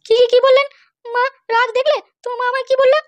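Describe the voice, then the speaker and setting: An indignant young wife in a cartoon who complains shrilly to her father, as a woman puts her on. Her voice is very high and rushed. The sound is dry. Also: little pitch movement, no room sound. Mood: upset. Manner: whiny, indignant.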